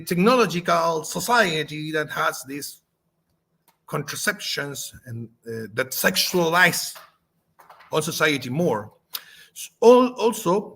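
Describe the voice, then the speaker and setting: Slow, halting Chilean man speaking English. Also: fairly high pitch, sharp tone. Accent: Chilean Spanish. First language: Spanish. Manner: halting, many fillers and restarts. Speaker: channel host. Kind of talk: spoken video response.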